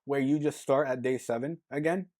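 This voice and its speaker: A man's voice: medium pitch, moderate pace, darkish tone. A man co-hosting a podcast in casual chat, rambling and packing his talk with "like" as he thinks aloud. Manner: rambling, filler-heavy, lots of "like". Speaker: podcast co-host.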